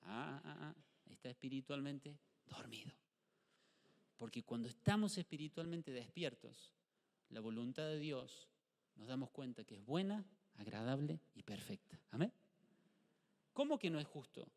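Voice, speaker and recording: A middle-aged male pastor with an Argentine Spanish accent, preaching a lively sermon and asking the congregation rhetorical questions. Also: mid-range voice, moderate pace. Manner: animated, acts out short dialogues, rhetorical questions to the congregation. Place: church hall. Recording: live church stream with long hall reverb.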